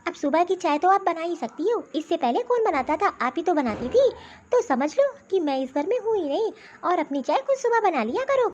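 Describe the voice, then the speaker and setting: A woman voicing a sharp-tongued, defiant young daughter-in-law in a cartoon story. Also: extremely high pitch, big pitch swings, a little fast, muffled recording. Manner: talking back, defiant.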